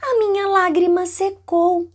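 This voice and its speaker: A small crybaby girl from a children's storybook, put on by a woman, pleading in a high, thin voice. She asks sweetly and slowly, every word stretched out. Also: fairly even intonation. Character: little crying girl, pleading softly.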